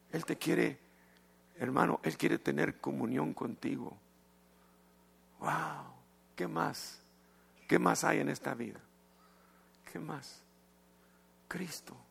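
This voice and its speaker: A male pastor preaching an evangelistic sermon, swinging from hushed to shouted and slipping in English phrases. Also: a little high, creaky, breathy edge. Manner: mixes English phrases into his talk.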